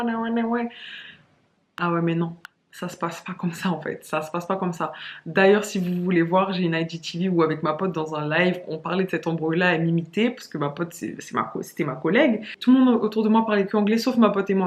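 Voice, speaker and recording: A young woman telling funny personal stories in a casual vlog, acting out dialogue with sudden high-pitched jumps. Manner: lively, acts out quoted lines with big pitch jumps. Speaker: YouTuber.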